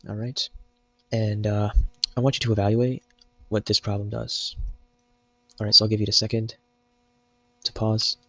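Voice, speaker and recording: A young man walks through code in a relaxed, meme-laced tutorial, his voice low and a little husky. He keeps a fairly level, even tone. The sound is dry and close, with no room around it. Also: moderate pace, no room sound, lo-fi sound. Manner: jokey, meme-filled explaining. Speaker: programming tutor. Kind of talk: casual screen-recorded coding tutorial.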